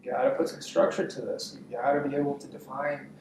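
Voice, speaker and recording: A man's voice: mid-range voice, fairly even intonation, quick pace, darkish tone, reverberant, distant mic, a little hiss or hum, poor audio. A man chatting casually on a podcast, giving blunt advice and repeating phrases as he builds a point.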